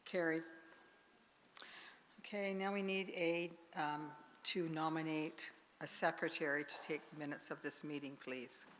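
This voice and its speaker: A woman opening and running a church annual meeting at a microphone, halting with fillers and restarts. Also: low-pitched, fairly even intonation, fairly bright tone. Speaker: meeting organizer. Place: church sanctuary. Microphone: microphone with sound trouble. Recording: long church reverb, faint noise.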